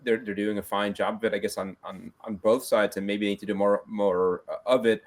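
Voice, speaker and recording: A man's voice: fairly low pitch, steady tone, fairly quick. Chatty male podcast host. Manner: chatty, loose, lots of fillers and restarts. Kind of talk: casual podcast chat.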